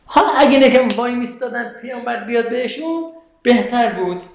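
A man with a high voice teaches a class about Quranic verses, stopping often to ask his listeners questions. He recites the Arabic verses slowly. The room is full of echo. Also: a little hiss or hum. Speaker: religious teacher. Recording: very echoey room.

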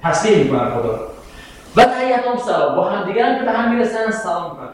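Male teacher, high-ish voice, lecturing religious texts in a very echoey classroom. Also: big pitch swings. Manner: explanatory, quotes Arabic verses, asks students questions. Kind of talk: Quranic exegesis class.

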